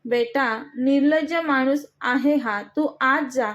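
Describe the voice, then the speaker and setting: A woman's voice: high voice, takes it slowly, a bit bright, lo-fi sound. A woman voicing an angry, protective father, a schoolmaster, who scolds furiously in a storybook reading.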